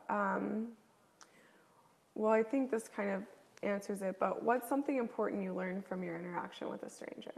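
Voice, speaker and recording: A woman's voice: medium pitch, vocal fry. A woman hosting a live interview, reading out viewer questions in an encouraging way. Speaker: interviewer host.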